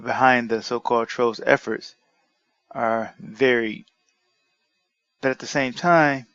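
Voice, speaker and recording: A man's voice: medium pitch, steady tone, slow pace, a bit bright, no echo, highs cut off. A man vlogging commentary, reading an article aloud and rebutting it in an indignant, argumentative way with frequent restarts.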